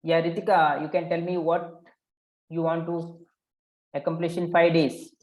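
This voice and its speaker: A man's voice: fairly high pitch, little pitch movement, normal speed. A man leading a live online coaching session, probing participants and repeating their answers back to them. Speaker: workshop coach. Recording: roomy echo.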